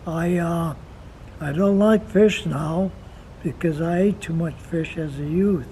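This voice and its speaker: Very old man, slow and halting. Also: fairly high pitch, dark tone, slight background noise, rough recording. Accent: American. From Montana, United States. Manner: halting, slow, repeats words while searching for them. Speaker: grandfather being interviewed. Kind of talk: reminiscing, casual conversation. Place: outdoors in the sun.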